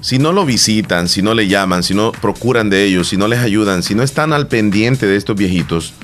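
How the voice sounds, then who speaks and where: A man's voice: on the low side, animated, fairly quick, soft background music. A man with a Salvadoran accent co-hosting a podcast, telling stories with emphatic repetition. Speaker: podcast co-host. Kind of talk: casual chat.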